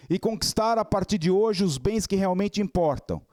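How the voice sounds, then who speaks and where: A man's voice: high-pitched, moderate pace, no echo, studio quality. A middle-aged Brazilian man giving a spiritist lecture, telling stories and asking rhetorical questions. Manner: animated storytelling with rhetorical questions.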